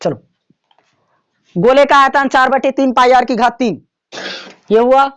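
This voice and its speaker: A man's voice: very high-pitched, unhurried, a bit bright, clean tone. A man teaching a maths lesson to students in a classroom, in a casual way, often checking whether they have understood.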